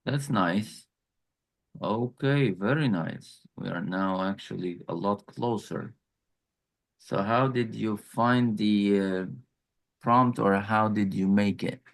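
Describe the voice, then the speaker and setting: A man teaching an online class, slowly walking students through challenges and repeating key points. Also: lowish voice, gravelly. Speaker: instructor.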